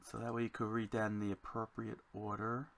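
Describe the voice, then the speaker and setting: A man designing a card game, thinking aloud to himself in a slow, musing way as he works. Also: on the low side, completely flat delivery, creaky, fairly bright tone.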